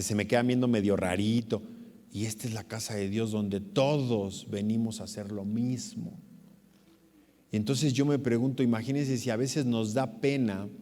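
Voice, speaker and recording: Man preaching a sermon in a reverberant church. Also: lowish voice. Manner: dramatic, shouting the blind man's cries in a raised voice. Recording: long hall reverb.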